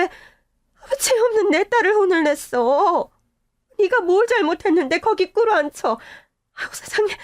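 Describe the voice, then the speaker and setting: A woman's voice: high voice, a little mellow, dry recording, studio quality. A woman playing an indignant, tearful mother. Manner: exclaiming, tearful outbursts. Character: distraught middle-aged mother, protective and indignant. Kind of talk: dramatized story reading.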